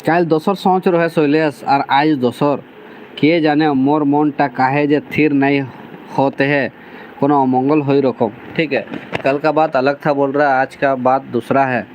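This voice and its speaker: A man's voice: medium pitch, steady tone, unhurried, muffled recording, slight background noise. A man, teaching a class by reading lines from a novel and explaining each one in plain words. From Jharkhand, India. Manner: reads dialect lines aloud, then restates them plainly with many 'theek hai' fillers.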